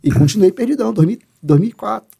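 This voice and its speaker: A man, a police sergeant telling a personal faith story in an interview, acting out dialogue and sinking very low at emotional points. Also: expressive, fast, creaky, dark tone, slightly rough. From Rio de Janeiro, Brazil. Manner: emphatic storyteller who acts out dialogue and drops very low in emotional moments.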